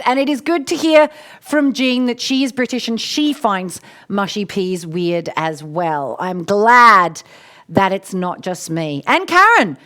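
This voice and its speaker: A woman's voice: mid-range voice, a bit bright. A middle-aged Australian woman hosting a casual live stream, greeting viewers by name and laughing often. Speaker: coach and live show host.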